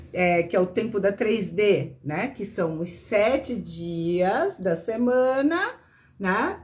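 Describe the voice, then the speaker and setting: Slow, patient Brazilian woman teaching. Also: medium pitch, a little mellow, a little hiss or hum. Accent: Brazilian Portuguese. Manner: patient explaining, tags lines with "né?"; greets viewers by name. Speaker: tarot reader and teacher. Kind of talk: live-stream teaching talk.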